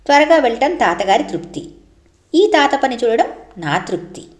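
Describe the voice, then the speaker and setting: Woman doing wise little girl, gentle and calm, storybook reading, echoey room. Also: sits high, moderate pace, pitched above the performer's own voice. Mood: firm.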